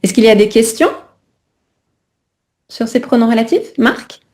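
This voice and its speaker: A woman's voice: on the high side, animated, a little slow, darkish tone. Woman, French teacher, video call, frequent check-ins, explanatory. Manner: keeps checking in with "d'accord?". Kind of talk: online class teaching.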